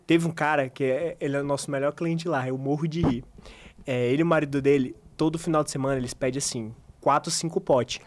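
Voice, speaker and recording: A man hosts a podcast in a relaxed, chatty way. His pace speeds up and slows down as he tells a story and laughs along with his guest. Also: on the high side. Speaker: podcast host. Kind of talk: casual chat.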